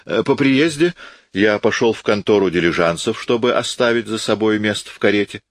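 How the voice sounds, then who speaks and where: A man's voice: on the low side, lively intonation, brisk, no echo, pitched above the performer's own voice. A man voicing a glib, self-assured young cavalry officer for an audiobook, breezy and lightly mocking. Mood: explaining. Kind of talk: audiobook character voice.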